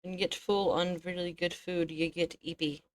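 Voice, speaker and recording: A woman's voice: fairly low pitch, normal speed, no room sound, clean studio sound. A woman streaming a game, sleepy and yawning as she chats casually with viewers, laughing often. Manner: relaxed, chatty, laughs often. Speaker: VTuber streamer.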